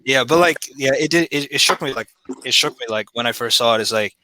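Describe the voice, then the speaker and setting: A man's voice: medium pitch, fast talker, pushed and bright, dry recording, low-quality recording. A man with an Indian accent reviewing a cartoon series in casual chat, rambling with many fillers and restarts.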